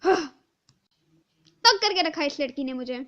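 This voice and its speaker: Woman doing a weary soft-spoken dad, lowered voice still quite high, calm, dull lo-fi sound. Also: measured pace, heavily acted. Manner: weary, placating. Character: tired gentle father, soft-spoken man.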